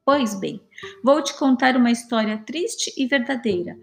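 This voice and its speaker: A woman voicing a calm, wise cicada lady. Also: on the high side, normal speed, creaky, soft background music. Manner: calm, gentle, explaining.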